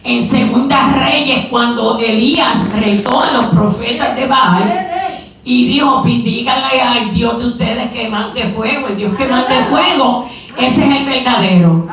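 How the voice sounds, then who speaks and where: A woman preacher giving a sermon in a church, retelling a story with rhetorical questions and quick asides. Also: fairly high pitch, a bit bright. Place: church sanctuary. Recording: very echoey hall, mic far off.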